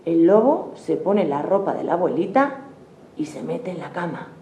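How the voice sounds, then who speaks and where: A woman narrating a children's fairy tale in slow, clear, simple sentences. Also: on the low side, big pitch swings, warm tone, echoey room, a little hiss or hum.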